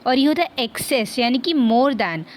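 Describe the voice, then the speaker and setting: A woman teaching a vocabulary lesson, explaining in Hindi and slowing right down to read English example sentences, often checking in with her listeners. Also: high-pitched, expressive.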